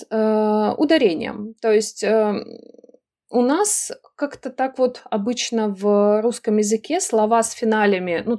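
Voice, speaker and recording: A woman guest on a podcast, explaining at length in a thoughtful, halting way with many fillers and pauses. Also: medium pitch, darkish tone. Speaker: writer and literary editor, podcast guest. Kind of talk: conversational podcast interview.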